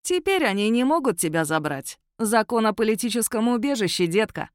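Lady doing a snarky beast girl sidekick, mocking, pitched up, dry sound. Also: lively intonation, a little fast, no echo, lightly acted. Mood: triumphant. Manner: mocking, sassy. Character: snarky female beast companion with a snout. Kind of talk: audiobook character voice.

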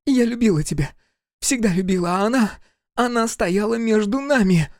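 A man voicing a scheming young noblewoman in an audiobook, in a raised, pleading, shrill voice. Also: lively intonation, normal speed, dry recording, clean studio sound. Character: scheming, desperate young noblewoman, a prince's wife.

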